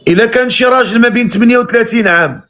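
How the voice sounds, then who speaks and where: Brisk Moroccan live-stream host, high voice. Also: male voice, bright, forceful tone, slight background noise. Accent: Moroccan Arabic. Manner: brisk, directing callers. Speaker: live matchmaking show host. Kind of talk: casual live-stream hosting.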